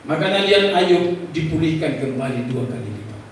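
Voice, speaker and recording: Dramatic, high-voiced preacher in an echoey church. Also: male voice, expressive, normal speed, far from the mic, slight background noise. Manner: dramatic preaching, swinging from quiet to shouted. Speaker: pastor. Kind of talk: sermon.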